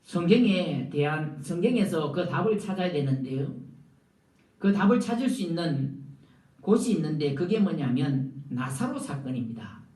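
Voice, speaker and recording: A male pastor preaching a sermon, often asking the congregation rhetorical questions and stressing words with big swings in pitch. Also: animated, moderate pace, a little mellow. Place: church sanctuary. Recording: echoey church room, mic at a distance.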